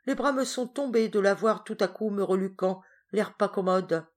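A woman's voice: medium pitch, moderate pace, voice pushed up, natural voice. A woman reading aloud, voicing a dejected male thief who grumbles in slangy, self-mocking complaints. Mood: rueful.

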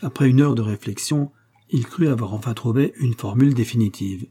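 A male narrator reads a story aloud at a steady, measured pace. His voice is dark and mellow, with a husky grain. He keeps an even storytelling tone. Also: mid-range voice. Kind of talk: scripted audiobook narration.

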